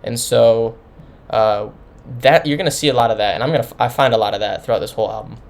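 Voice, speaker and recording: A man's voice: mid-range voice, fast, creaky. A man giving an informal, rambling album review, talking casually with many restarts. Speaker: music reviewer.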